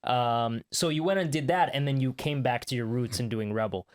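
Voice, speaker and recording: A young adult man from Canada hosting a casual interview, talking in a relaxed way and asking long, winding questions. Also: medium pitch, moderate pace. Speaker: podcast host.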